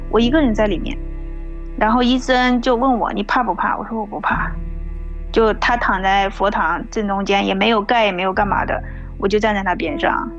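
A woman's voice: mid-range voice, highs cut off. Woman in her thirties telling her story. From mainland China. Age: 30s. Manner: plain, unhurried telling with repeated small restarts. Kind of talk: personal storytelling.

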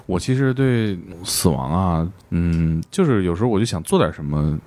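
A man hosting a casual interview, expressive and quick to react with short interjections. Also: low-pitched. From Northeast China. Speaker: podcast host.

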